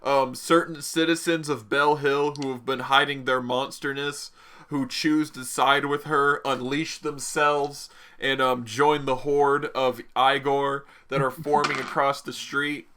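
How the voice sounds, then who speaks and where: A man's voice: medium pitch, flat delivery, unhurried, sharp tone. A man game master improvising story narration in a casual, rambling way, often revising his phrases.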